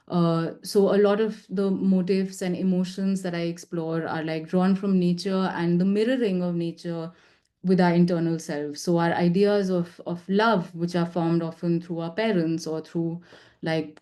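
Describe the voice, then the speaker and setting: Fast-talking young woman presenting her work. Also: lowish voice, warm tone. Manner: fast, with many fillers and restarts. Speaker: seminar presenter. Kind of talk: academic presentation.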